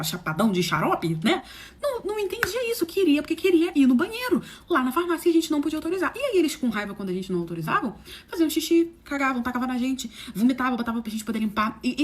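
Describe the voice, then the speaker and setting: A woman, telling a dramatic story in a casual, expressive way with big swings in pitch. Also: slightly rough.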